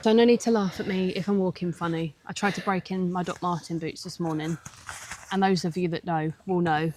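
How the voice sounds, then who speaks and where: A woman's voice: lowish voice, fairly even intonation, fairly quick, darkish tone, soft background music. A young woman chatting casually as a vlog co-host, giggly and self-mocking. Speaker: vlogger co-host. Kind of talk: casual chat.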